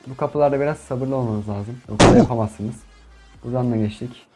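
A young man commenting on his gameplay in a casual, chatty way, who gets frustrated and shouts at opponents. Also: medium pitch, brisk, loud music behind the voice. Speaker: gaming YouTuber.

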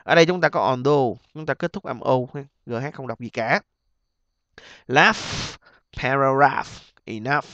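A man teaching an exam review lesson, stretching out example words slowly and then explaining them in quick asides. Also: medium pitch, fairly bright tone, dry recording, muffled recording. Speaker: English teacher.

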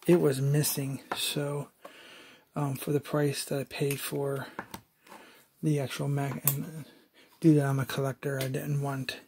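A man's voice: mid-range voice, darkish tone, a little hiss or hum. A man casually narrating an unboxing of a collectible figure, explaining each step with fillers as he goes. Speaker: toy collector reviewer.

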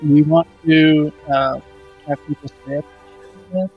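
A man speaks through a bluetooth headset mic so muffled he sounds underwater, his voice dull and lo-fi. He asks hesitant questions at a tabletop game, pitched a little above the usual male range. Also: flat delivery, unhurried, soft background music. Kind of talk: casual chat at the game table.

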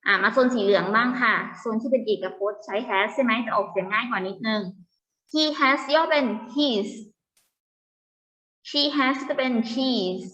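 A Thai woman teaching an online English lesson to young pupils, patiently asking check questions and slowly repeating English words with a Thai accent. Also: on the high side, pushed and bright, highs cut off. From Thailand. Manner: patient, asks students frequent check questions. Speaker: primary school English teacher.

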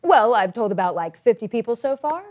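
A woman's voice: fairly high pitch, very animated, brisk, a little mellow. A woman playing an eager, wide-eyed follower in a comic church skit.

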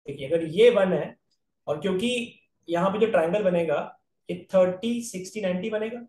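A man's voice: high-pitched, normal speed, warm tone, roomy sound, recorded from a distance. A man with an Indian accent teaching a geometry lesson online, working through each step and checking in with his students. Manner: explains step by step, checks in with "right?". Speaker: aptitude exam math teacher. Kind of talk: online math lecture.

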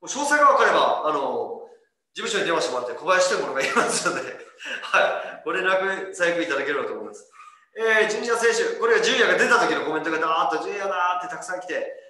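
A man's voice: a little high, very animated, fast, pushed and bright. A man in his thirties hosting a casual livestream, reading viewer comments aloud, laughing often and joking about himself. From Kagoshima, Japan. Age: 30s. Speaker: club ambassador host. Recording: echoey room.

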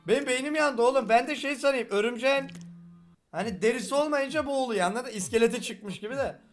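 A young man with a regional Turkish dialect, joking and fast-talking as he reacts to a game. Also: very high voice, soft background music. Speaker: gaming video host. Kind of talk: casual reaction commentary.

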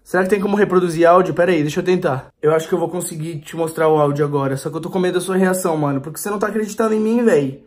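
A man's voice: on the high side, very fast, hardly any pauses, darkish tone. A young man pleading on a prank phone call, anxious and slangy. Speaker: vlogger pranking his girlfriend.

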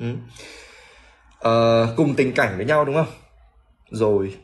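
A man runs a livestream English lesson, reading lines aloud and breaking them down. His voice sits at a middle pitch. He talks in a loose, chatty way, repeating words as he searches for them and tossing jokes to the viewers. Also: slow pace. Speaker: English teacher.

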